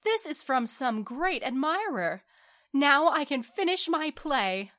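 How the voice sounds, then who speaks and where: A woman plays a poor young man who writes plays, in a storybook. The voice rises high, eager and hopeful, full of exclamation. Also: very animated, takes it slowly, fairly bright tone, full character voice. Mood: delighted. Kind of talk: storybook character voice.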